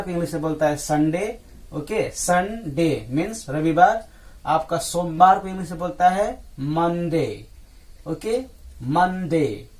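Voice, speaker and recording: A man teaching an English lesson in Hindi, drilling words by repeating them and quizzing his listeners. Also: high voice. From India. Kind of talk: classroom-style language lesson.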